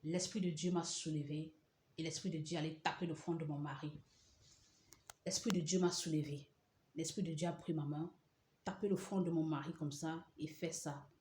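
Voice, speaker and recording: A woman giving a dramatic religious testimony, repeating phrases and dropping to a hush at times. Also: low-pitched, fairly even intonation, normal speed, slight background noise. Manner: dramatic, repeats phrases, drops to hushed tones. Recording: roomy echo with faint ambience.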